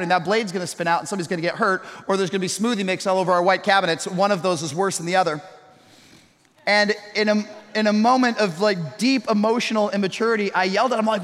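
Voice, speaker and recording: A man in his thirties preaching a sermon, swinging between loud storytelling and hushed, slow reflection. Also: high voice, long reverb tail. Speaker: pastor.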